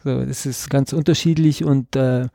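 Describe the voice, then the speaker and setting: Steady and unhurried, this man's mid-range voice is creaky yet mellow, captured in a dry studio recording. He is an artist from South Tyrol, Italy, with a South Tyrolean German accent, musing thoughtfully in a podcast interview while groping for words amid fillers and false starts.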